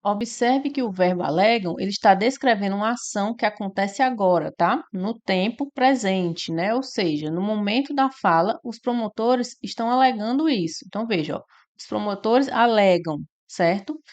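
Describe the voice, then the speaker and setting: A woman's voice: mid-range voice, animated, moderate pace, darkish tone. A woman, teaching an exam-prep lesson and walking through each answer step by step with frequent tag questions.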